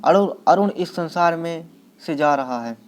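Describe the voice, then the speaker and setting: Male reader as grave, choked-up young friend, slightly high voice. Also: a little slow, a little hiss or hum, lightly acted. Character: choked-up young friend bearing bad news.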